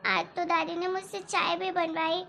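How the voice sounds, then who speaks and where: A woman voicing a small, timid girl who speaks quietly and plaintively. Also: very high-pitched, level tone, moderate pace, a little hiss or hum, exaggerated voice. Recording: dull lo-fi recording.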